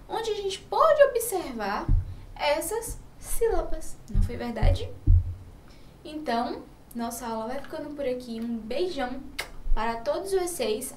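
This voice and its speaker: A Brazilian woman teaching young children to read, her high voice swooping up and down as she stretches out each syllable. She talks slowly and keeps asking the class questions. The recording sounds roomy and a little distant, with faint noise behind her. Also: big pitch swings. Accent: Brazilian Portuguese. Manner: slow, sing-song, drawn-out words, asks children questions. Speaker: primary school teacher. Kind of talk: children's literacy lesson.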